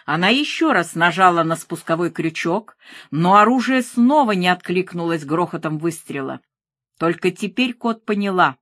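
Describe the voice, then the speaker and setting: A woman narrating a thriller audiobook in a measured, even reading. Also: lowish voice, dry recording, studio quality.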